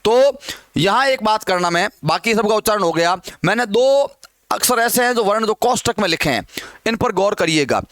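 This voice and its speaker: A man's voice: sits high, fairly bright tone, no room sound, clean studio sound. A middle-aged man teaching a Hindi grammar lesson, asking questions and answering them himself.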